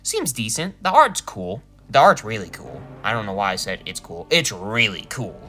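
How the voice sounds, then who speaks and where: A man reviewing cards casually, animated and quick to laugh, often correcting himself as he goes. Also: on the low side, faint music behind. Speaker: card game reviewer.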